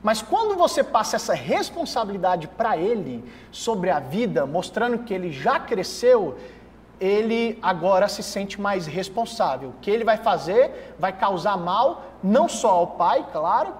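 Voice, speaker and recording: Young man explaining, high and lively. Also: moderate pace. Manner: explanatory, acts out thoughts in quotes. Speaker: psychologist guest. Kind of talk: explaining in a TV interview. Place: TV studio. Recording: reverberant studio with faint noise.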